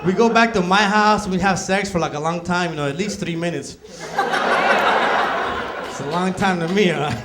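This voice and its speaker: Male stand-up comic, high voice, club stage, noisy live sound. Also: normal speed, long pauses. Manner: animated storytelling with acted quotes. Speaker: stand-up comedian. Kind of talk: stand-up comedy set.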